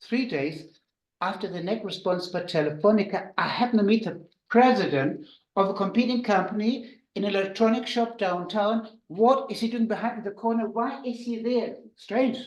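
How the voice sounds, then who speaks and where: A man with a German accent, a doctor telling anecdotes to an audience in a halting way with dry humor. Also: high voice, roomy sound, rough recording. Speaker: missionary doctor giving a talk. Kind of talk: storytelling talk to an audience.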